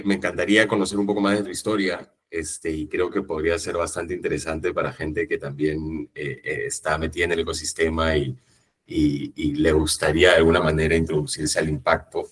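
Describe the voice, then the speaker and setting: A man's voice: low voice, fairly even intonation, normal speed, slightly rough. A man hosting an interview, enthusiastic, with stumbling restarts. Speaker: podcast host.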